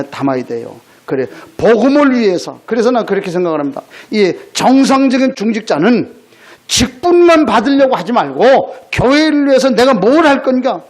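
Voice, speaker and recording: Male pastor, Sunday sermon. High, lively voice. Chatty, blunt, full of rhetorical questions. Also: breathy edge. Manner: conversational preaching, rhetorical questions, blunt scolding asides. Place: church sanctuary.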